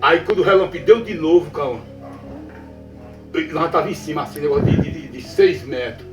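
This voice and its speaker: A man with a Northeastern Brazilian accent tells a backlands ghost tale in a rather high voice, going back over his own phrases and checking in with his listener. He sounds a little far from the mic in a roomy space, with faint music underneath. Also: a little fast. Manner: repetitive, checks in with the listener often. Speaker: storyteller. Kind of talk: spoken folk tale told to a listener.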